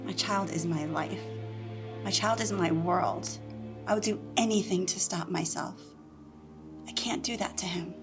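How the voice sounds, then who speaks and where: Gravelly-voiced vampire mother. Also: lowish voice, a little slow, music in the background. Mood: earnest. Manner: earnest, heartfelt. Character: devoted vampire wife and adoptive mother. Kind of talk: film dialogue. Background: film score.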